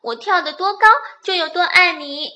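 A woman voicing a small, playful young bunny with excited, slow, sing-song delivery in a children's bedtime storybook reading. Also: extremely high pitch, pitched above the performer's own voice. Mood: eager.

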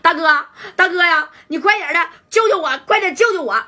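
A woman's voice: a little high, animated, moderate pace, sharp tone, breathy edge, heavily acted. A woman doing a frantic begging young thug. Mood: panicked pleading. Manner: frantic, pleading. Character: panicked young male thug begging for help.

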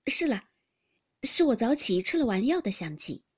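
A woman doing a poised, gently chiding young lady. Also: on the high side, very animated, normal speed, husky.

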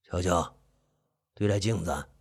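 A man voicing a stern old village uncle with a hoarse, deep voice who gives slow, scolding instructions. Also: exaggerated voice. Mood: gruff scolding.

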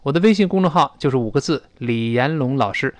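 Animated Chinese-speaking male teacher. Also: medium pitch. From China. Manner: lively explaining, demonstrating sounds slowly and loudly. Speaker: English teacher. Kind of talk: recorded language lesson.

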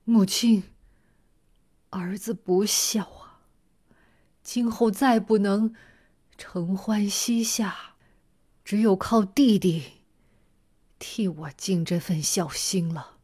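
Woman reading a doomed honest official, grave and hushed, slow farewell to his mother, storybook. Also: medium pitch, breathy edge. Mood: sorrowful farewell. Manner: grave, sorrowful, soft and halting. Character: condemned upright male official bidding farewell to his mother.

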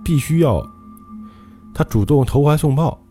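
A male podcast host telling a ghost story in a dramatic, lively way. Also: on the high side, measured pace, faint music behind.

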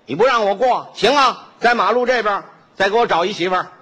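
A man's voice: high voice, fairly quick, pushed and bright, breathy edge. A man performing crosstalk comedy on stage, boasting in a brash, swaggering manner. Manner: brash, boastful bragging delivery. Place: stage before a live audience.

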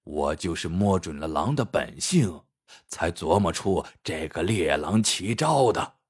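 A man voicing a shrewd old village hunter who speaks slowly and knowingly, like someone lecturing. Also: low voice, sing-song, slightly rough, voice pushed down, full character voice.

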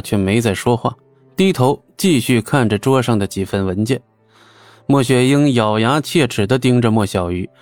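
A man reads a serial novel in a steady, even storytelling voice at a middle pitch. The sound is dry and close, with faint music underneath. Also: no room sound. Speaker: narrator. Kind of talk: audiobook narration.

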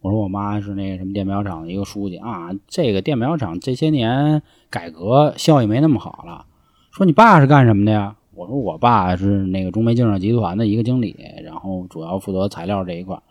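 A young man telling a story in a casual chat, swearing freely and acting out shouts from the story. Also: fairly low pitch, fairly quick, dry recording. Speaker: storyteller guest.

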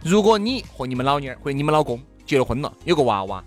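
A man's voice: mid-range voice, very animated, very fast, faint music behind. A man with a Sichuanese accent telling anecdotes in casual chat as a talk show host.

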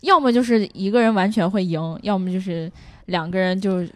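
A woman's voice: mid-range voice, fairly quick, dry recording, clean studio sound. A woman hosting a podcast in casual chat, often doubling up short words of agreement. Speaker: podcast host.

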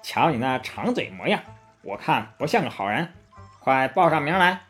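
A man's voice: a little high, very animated, a little fast, faint music behind. Sun Wukong, a man doing a haughty monkey king. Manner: haughty, commanding. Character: proud, mocking male monkey king.

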